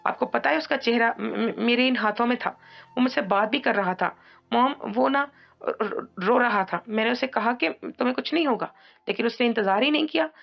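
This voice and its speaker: A woman reads as a young woman undone by grief, crying and stammering, her words breaking apart, in a gravelly voice raised well above her usual pitch. The audio is dull and lo-fi, with faint music underneath. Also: animated, slow pace, hardly any pauses. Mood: grief-stricken. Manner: broken, stammering sobs. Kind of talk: dramatic audiobook reading.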